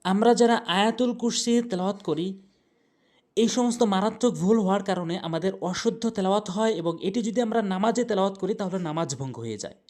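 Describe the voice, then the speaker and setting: Lady teaching quran reading, chants each verse real slow n stretched out, then explains and repeats words, medium voice. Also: mid-range voice, darkish tone. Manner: alternates slow drawn-out chanted recitation with explanation; repeats words slowly to correct pronunciation. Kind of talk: recitation lesson.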